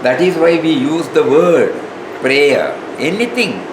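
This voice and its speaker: His voice is a little high with big swings in pitch: a spiritual teacher with a South Indian accent, lecturing informally and partly reading from a text. He halts, repeats words, and adds "no" to his questions, recorded in an echoey room where background noise comes through clearly.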